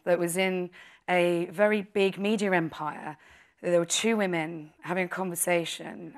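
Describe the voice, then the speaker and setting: A woman in her forties, a podcast host on a panel at an industry event, speaking in a heartfelt, flowing way. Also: fairly low pitch.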